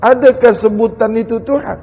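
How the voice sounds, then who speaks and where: A man giving a mystical religious lecture, asking slow, emphatic rhetorical questions. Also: very high-pitched, darkish tone, big-room sound, muffled recording, a little hiss or hum. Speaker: religious teacher.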